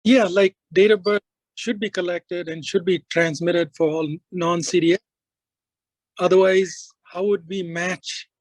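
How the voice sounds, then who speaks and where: High-voiced man, dry close sound. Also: no room sound, rough recording. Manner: informal, explains with many fillers. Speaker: meeting participant. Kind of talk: casual discussion in a work meeting.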